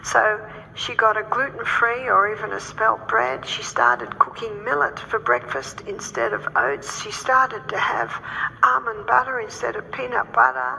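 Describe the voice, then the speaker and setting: A woman health educator telling stories in a lecture, animated and acting out the people she quotes. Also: fairly high pitch, measured pace, gravelly. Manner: animated, acts out quoted speakers. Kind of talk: storytelling lecture. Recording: reverberant hall with faint noise.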